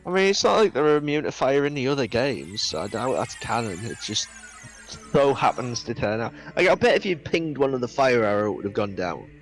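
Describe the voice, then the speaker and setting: A man's voice: mid-range voice, big pitch swings, a little fast, soft background music. A man chatting casually during a game stream, rambling, swearing offhand and laughing through his own stories. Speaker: co-op stream guest. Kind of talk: casual gaming chat.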